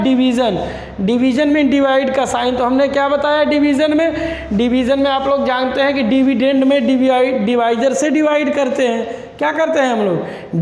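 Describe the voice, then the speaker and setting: A young man teaching a maths lesson, explaining step by step and repeating key terms back as questions to his students. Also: very high voice. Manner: calls students "beta". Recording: echoey room with faint background noise.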